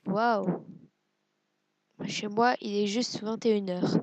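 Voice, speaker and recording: A woman's voice: mid-range voice, steady tone, slow, darkish tone, no room sound, low-quality recording. A woman giving casual gameplay commentary, hesitant and self-deprecating, musing aloud with lots of fillers. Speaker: let's play gamer.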